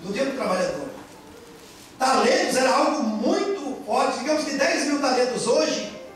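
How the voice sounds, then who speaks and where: A man preaching a sermon as pastor, impassioned, swinging between loud and soft. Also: extremely high pitch, very animated, moderate pace, a little hiss or hum. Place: church hall in Japan. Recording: very echoey church hall, far from mic, faint music.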